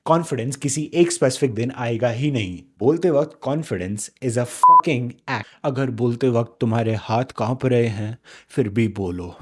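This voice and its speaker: भारतीय लहजे वाला एक आदमी, जो हिंदी-अंग्रेज़ी मिलाकर बेबाक, गालियों से भरे अंदाज़ में कैमरे से बात करता है, धीमी और भारी-सी आवाज़ में।. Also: male voice, medium pitch, a little slow, a bit bright, husky. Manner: blunt, profane, mixes Hindi and English. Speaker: self-help video host. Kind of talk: casual motivational talk to camera.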